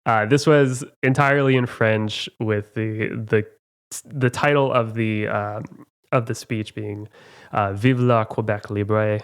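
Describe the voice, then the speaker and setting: A man hosts a relaxed trivia podcast and reads each question aloud. He talks in a chatty, halting way, with frequent fillers, and laughs easily at his own slips. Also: lowish voice, clear, resonant tone. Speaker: trivia quiz host. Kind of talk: casual podcast quiz.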